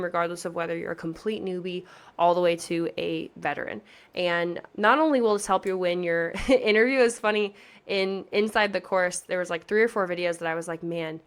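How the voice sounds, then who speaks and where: Woman, 30s, pageant coach hosting a podcast; chatty, emphatic motivational delivery, fairly low voice. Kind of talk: casual podcast chat.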